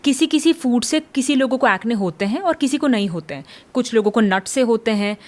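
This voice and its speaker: Calm advising woman dermatologist. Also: a little high, a little fast. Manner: calm, advisory, mixes English terms. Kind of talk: medical explainer.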